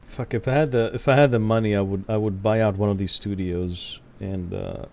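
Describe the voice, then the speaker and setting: Low-voiced man streaming casually. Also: animated, brisk, vocal fry, darkish tone. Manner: rambling, blunt, swears, laughs often. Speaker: game streamer. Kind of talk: casual chat while gaming.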